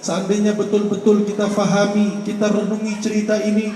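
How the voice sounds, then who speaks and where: Male preacher, very high voice, joking street-talk sermon, boomy echo from far off over loudspeakers. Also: little pitch movement, brisk, slight background noise. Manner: joking colloquial banter mixed with chanted prayer. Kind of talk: religious sermon to a crowd. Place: outdoor park gathering. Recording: echoey loudspeaker sound from far off.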